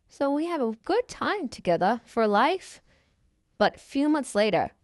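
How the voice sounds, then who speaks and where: A young adult woman recounts a personal story in a casual vlog. Her voice is on the high side and she talks in simple, repetitive sentences. The sound is dry, with no room echo. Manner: simple, repetitive phrasing, often starting with "so".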